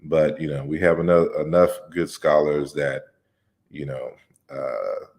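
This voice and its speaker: A man with an extremely deep, low voice hosts a casual livestream. He reads viewer comments aloud and answers at length, relaxed and conversational. His explanations are measured and lecturing, with frequent fillers and restarts. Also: creaky. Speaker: host of an open discussion livestream.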